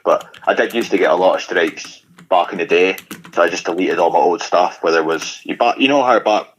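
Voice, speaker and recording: Low-voiced Highland Scottish man on a phone call. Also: a bit bright. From Inverness, Scottish Highlands. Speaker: phone-in guest. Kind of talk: casual phone chat. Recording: dull, muffled phone call.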